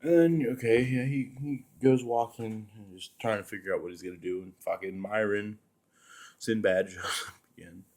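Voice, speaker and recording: Low-voiced man rambling through a movie review. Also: moderate pace, darkish tone. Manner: rambling, profane, full of fillers. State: drinking while talking. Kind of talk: casual rambling film review.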